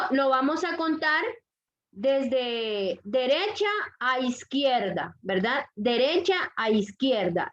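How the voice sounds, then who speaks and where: A woman teaching a grammar lesson to young students, repeating each rule and checking that the class follows. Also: sits high. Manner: slow, deliberate, repeats rules, checks understanding with questions. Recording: dull lo-fi audio.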